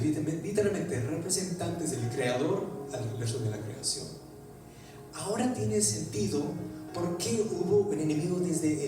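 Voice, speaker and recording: A native English-speaking man with a medium-pitched voice preaches an animated sermon in Spanish with an English-speaking accent, restarting often. It's recorded in an echoey church sanctuary on a distant mic, with music behind him.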